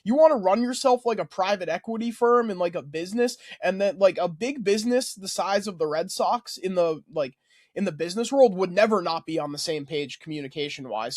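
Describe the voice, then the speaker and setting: A man's voice: fairly high pitch, no room sound, clean studio sound. A man co-hosting a sports podcast, ranting heatedly in casual chat and swearing freely. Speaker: podcast co-host.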